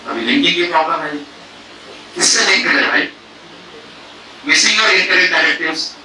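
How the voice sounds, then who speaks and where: A man's voice: on the high side, lively intonation, normal speed, bright, forceful tone, roomy sound, distant mic, a little hiss or hum, low-quality recording. A man lecturing on programming errors, asking rhetorical questions, using homely food analogies and mixing English technical terms into his talk. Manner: mixes English technical phrases into Hindi. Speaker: professor teaching a faculty workshop.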